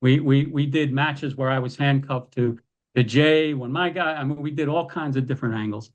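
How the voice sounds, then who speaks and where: An animated man recounts wrestling tales as a podcast guest. He tells it casually, in a middle-pitched voice, and leaps into quoted lines with a raised voice. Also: moderate pace. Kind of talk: casual storytelling.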